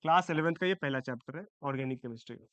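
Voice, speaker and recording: A man's voice: mid-range voice, rapid-fire, fairly bright tone, dry recording. A man teaching a chemistry lecture for exam students. He checks in often with his class and corrects his own slips as he goes. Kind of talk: exam-prep lecture in Hindi-English mix.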